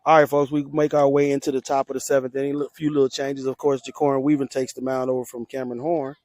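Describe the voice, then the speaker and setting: Excitable man calling a school baseball game. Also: mid-range voice, fast, no room sound, clean studio sound. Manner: excitable, rises sharply on big plays. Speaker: play-by-play announcer for a school team. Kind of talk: homer play-by-play commentary. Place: ballpark.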